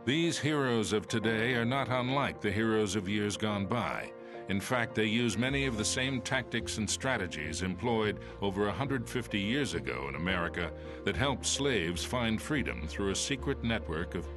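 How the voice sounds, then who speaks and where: Measured low-voiced male narrator. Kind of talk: scripted documentary narration. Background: music.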